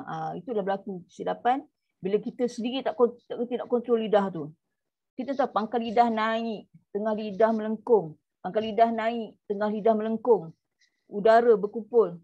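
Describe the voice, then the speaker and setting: A woman with a Malaysian Malay accent teaching an online tajwid class, stretching out the demonstration syllables between quick explanations. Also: fairly high pitch, a little mellow. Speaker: Quran recitation teacher. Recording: muffled lo-fi audio.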